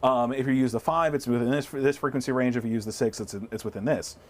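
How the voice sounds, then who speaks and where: Man, webinar co-host, casual tech explainer, step-by-step, mid pitch. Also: quick pace. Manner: explains step by step, frequent restarts.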